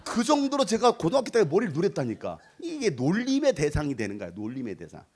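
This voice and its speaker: Male pastor, middle-aged, from North Jeolla. High, very lively voice, playful storytelling sermon with crowd banter. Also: quick pace. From Korea, North Jeolla. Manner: animated and playful, sings snatches of song and acts out voices; jokes with the congregation and asks them to raise hands. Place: church sanctuary.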